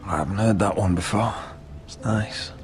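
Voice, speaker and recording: A man's voice: fairly low pitch, normal speed, natural voice. A man playing a wounded, weary young lord, subdued and terse, in a dramatic fantasy video game. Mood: weak, tender. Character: gravely wounded young lord, weary, stoic older brother. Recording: loud music behind the voice.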